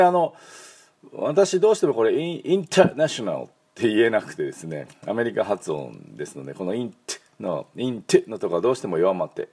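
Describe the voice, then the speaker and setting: A man's voice: lowish voice, darkish tone, breathy edge. A man who runs an English school, giving a pronunciation lesson with many fillers and repeating words for learners to copy. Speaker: English school principal and teacher.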